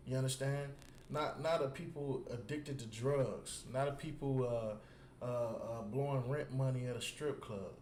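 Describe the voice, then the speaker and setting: A man's voice: medium pitch, a little slow, a little mellow. A man preaching to a group, repeating his words for emphasis and often asking whether they understand. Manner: keeps asking "You understand?" after nearly every point; emphatic, repeats words while building a point. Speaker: religious teacher. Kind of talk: street preaching with call and response. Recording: echoey space with faint background noise.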